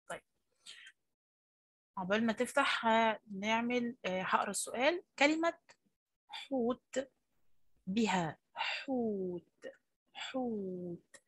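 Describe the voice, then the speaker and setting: A woman with an Egyptian Arabic accent, a primary school teacher coaxing and praising young pupils in an online class, her voice a little husky. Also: a little high, dry recording.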